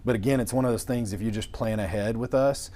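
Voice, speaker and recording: In an interview, a young estate planning lawyer lays things out in plain, homespun terms. He talks fast, in a mid-range voice with a dark tone.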